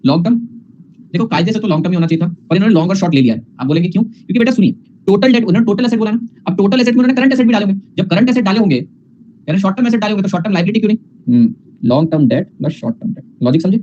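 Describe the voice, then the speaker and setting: Fast-talking Hindi finance teacher, man. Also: high-pitched, expressive, dark tone, lo-fi sound, a little hiss or hum. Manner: calls students "beta", teasing, drills formulas by repetition. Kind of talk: online finance lecture.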